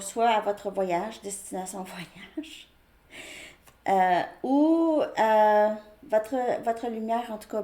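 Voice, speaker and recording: A woman's voice: mid-range voice, warm tone. A woman giving a casual tarot reading to camera, chatty and repeating herself as she thinks aloud while drawing cards. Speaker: tarot reader.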